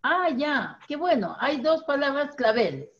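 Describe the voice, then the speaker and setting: Encouraging teacher, lo-fi call. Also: female voice, high-pitched, big pitch swings, a bit bright. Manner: encouraging, corrects pronunciation slowly. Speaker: primary school teacher. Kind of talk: online reading class.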